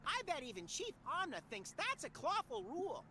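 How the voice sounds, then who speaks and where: A woman's voice: very high-pitched, sing-song, normal speed, pushed and bright, a little hiss or hum, exaggerated voice. A woman voicing a boastful, eager cat-like navigator creature in an overacted anime dub. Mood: cheerful, cajoling.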